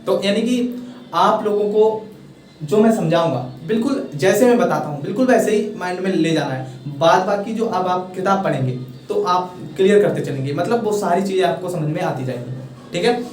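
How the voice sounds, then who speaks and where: A man's voice: sits high, animated, normal speed. A young man with a Hindi accent, explaining a pronunciation lesson to students and checking often that they follow. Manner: repeats "thik hai" often, coaxing and encouraging. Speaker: English teacher. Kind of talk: casual classroom explanation. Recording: echoey room, voice from far off.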